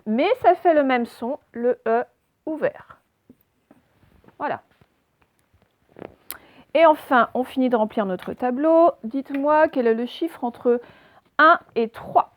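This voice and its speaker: Woman teacher, higher voice, slow careful diction, dry dull recording, asks and answers her own questions. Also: no room sound. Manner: slow, clearly articulated, asks questions and answers them herself. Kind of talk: recorded reading lesson for children.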